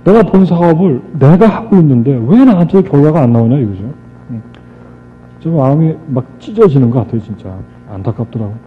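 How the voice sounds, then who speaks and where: A man's voice: fairly high pitch, a little fast. Man telling his story on stage, tinny. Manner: animated, re-enacts dialogue and jokes with the crowd. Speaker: motivational speaker. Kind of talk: storytelling speech to an audience. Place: stage before a live audience. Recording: tinny lo-fi archive recording with faint music.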